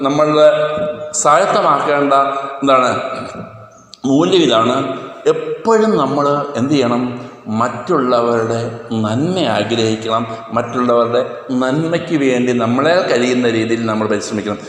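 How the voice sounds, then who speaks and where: Man teaching in an echoey room. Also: medium pitch. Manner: explains with repeated questions to students, recites verse lines slowly. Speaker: Hindi teacher. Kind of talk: classroom lesson explaining a poem. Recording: echoey room with long reverb.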